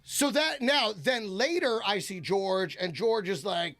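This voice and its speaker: A man telling a comic story as a podcast guest, animated and swearing freely, acting out other people's voices. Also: sits high, measured pace. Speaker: guest comedian. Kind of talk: casual comedic storytelling.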